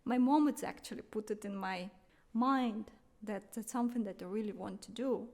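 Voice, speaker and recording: Her voice sits mid-range, a little mellow, at a moderate pace: a Siberian-born marketing entrepreneur in her thirties guesting on a podcast. She speaks English with a Russian accent, earnestly and emphatically, laughing lightly during the conversational interview.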